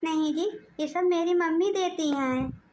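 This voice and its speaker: A woman's voice: very high-pitched, a little slow, a little mellow. A woman voicing a meek young wife in a cartoon, pleading and placating with her angry husband.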